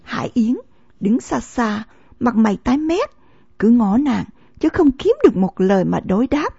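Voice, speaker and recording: A woman reading a novel aloud as an audiobook narrator, in measured storytelling narration, in a dull, lo-fi recording. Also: fairly high pitch, expressive, creaky, mellow, breathy edge, no echo.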